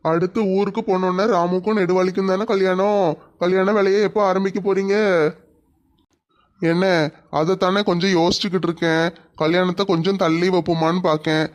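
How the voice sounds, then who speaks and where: A man voicing a calm, reasoning young man engaged to be married in a cartoon. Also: sits high, fairly quick, close to an everyday voice. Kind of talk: cartoon voice acting.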